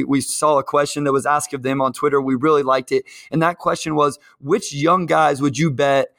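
A man's voice: a little high, a bit bright. A man hosting a sports podcast, chatting casually and asking his guest questions. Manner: conversational, asks guest questions. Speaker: podcast host.

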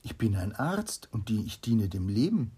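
A man reading a fairy tale aloud, voicing a calm, wise court physician with a gravelly, husky voice. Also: lowish voice, moderate pace, exaggerated voice. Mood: pleading.

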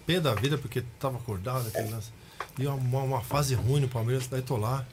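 Middle-aged são guy, rattling off old locker room stories quick, acts out the shouting bits, faint room hiss. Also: mid-range voice. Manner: animated, acts out shouted quotes, laughs while telling. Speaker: guest, former goalkeeper. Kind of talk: casual storytelling chat. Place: podcast studio.

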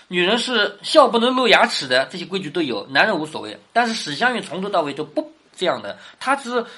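Husky bright-voiced woman explaining a text. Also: mid-range voice. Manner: asks the listener questions, reads quoted lines with more lift. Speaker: teacher explaining a classic novel. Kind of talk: reading aloud and explaining a text.

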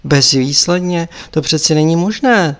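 A man reading an audiobook, voicing an old male lama abbot who admonishes his pupil in a measured, lecturing way. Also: a little high, natural voice. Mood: instructive.

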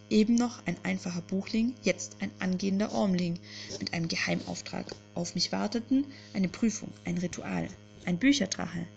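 A woman reading a storybook audiobook aloud with lively first-person storytelling. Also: mid-range voice, gravelly, muffled recording, slight background noise. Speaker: audiobook narrator.

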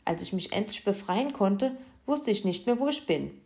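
A woman voicing a timid, lost spiky dragon in a storybook reading, grumbling and pleading slowly. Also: medium pitch, lively intonation, gravelly, a little mellow, voice pushed up. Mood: frightened.

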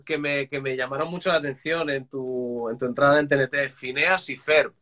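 A man with a medium voice. He hosts a relaxed chat, tossing out questions and egging his guest on. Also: mid-range voice, normal speed. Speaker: host. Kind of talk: casual interview chat.

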